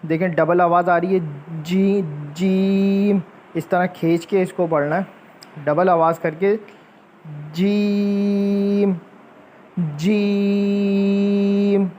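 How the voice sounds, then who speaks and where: A man teaching Quran letter pronunciation, patiently explaining and repeating each letter slowly to demonstrate. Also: high-pitched, little pitch movement, highs cut off, slight background noise. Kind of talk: slow spoken tajweed lesson with drawn-out letter demonstrations.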